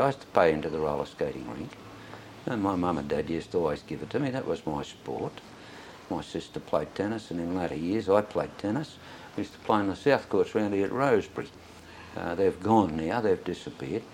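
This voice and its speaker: Low-voiced elderly Australian veteran reminiscing. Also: male voice, animated, a little fast, darkish tone, slight background noise, low-quality recording. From Sydney, Australia. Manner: old veteran remembering, rambling and anecdotal. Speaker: interviewee, war veteran. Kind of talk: oral history reminiscence.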